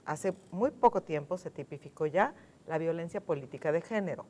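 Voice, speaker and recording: A Mexican woman with a somewhat low voice, talking on a television studio panel. She is emphatic and insistent, repeats her key words, and slows right down to drive each point home. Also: expressive, warm tone. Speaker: panel guest.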